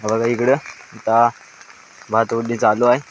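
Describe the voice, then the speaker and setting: A man's voice: mid-range voice, monotone, a little slow. A man with a Konkan Marathi accent, narrating a farm vlog outdoors by the rice paddies, coaxing a child and laughing. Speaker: farm vlogger. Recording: noisy outdoor phone recording.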